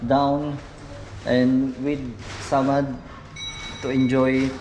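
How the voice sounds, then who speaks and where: A man's voice: medium pitch, flat delivery, extremely slow, over music. A man chatting casually for his vlog outdoors in a city, mixing loose English with Tagalog and laughing often. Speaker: vlogger.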